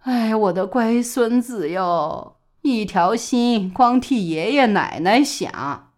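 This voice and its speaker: A woman voicing a tender old grandmother who croons slowly over her grandson. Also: a little high, animated, pitched above the performer's own voice. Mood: doting. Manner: slow, crooning.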